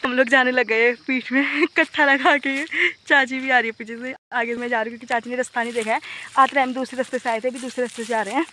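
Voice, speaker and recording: A young woman from the Uttarakhand hills vlogging casually with a phone while she works outdoors in the forest and fields. She talks loudly and laughs a lot. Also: high voice, steady tone, quick pace, a little hiss or hum. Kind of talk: casual vlog narration.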